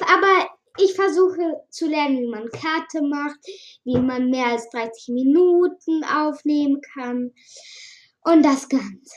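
A woman's voice: high voice, takes it slowly, rough recording. A woman casually reading a first-person adventure story aloud, with slips and restarts along the way. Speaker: storybook reader.

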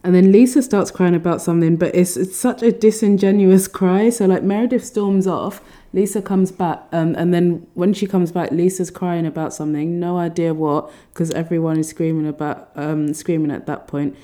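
Young female podcast co-host, warm low tone, animated casual chat. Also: moderate pace, hardly any pauses. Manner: animated, acts out quotes with laughs.

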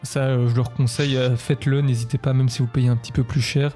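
Male podcast host, mid-pitched, chatty and eager, lots of hesitant fillers. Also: little pitch movement, fast talker, dark tone, soft background music. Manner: chatty and enthusiastic, full of hesitations. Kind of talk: casual podcast chat.

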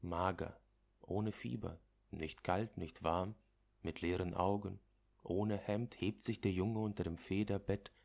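Low-voiced guy reading a literary story out loud, slow and dramatic. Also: steady tone, gravelly. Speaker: narrator.

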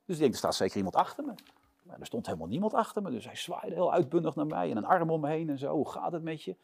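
A man tells a story at a quick clip, his voice jumping up whenever he acts out someone shouting. He sits as the guest in an interview and keeps the tale rolling. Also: a little high, creaky, husky. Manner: lively storyteller acting out shouted quotes. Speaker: interview guest, sports presenter. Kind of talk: animated anecdote telling.

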